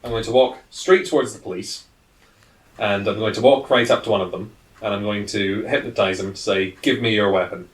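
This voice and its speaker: Player, far from the mic. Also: male voice, lowish voice, fairly even intonation, a little fast. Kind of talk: casual tabletop play. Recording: echoey room, mic off at a distance.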